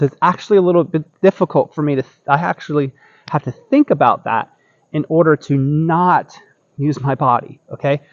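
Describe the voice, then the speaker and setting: A middle-aged man teaches tai chi step by step in a slightly high voice, taking his time. He explains casually and keeps checking in, in a dry, slightly muffled outdoor recording. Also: darkish tone, no room sound. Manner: explanatory, often checks in with "okay?". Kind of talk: casual step-by-step exercise instruction. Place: outdoor wooden deck by trees.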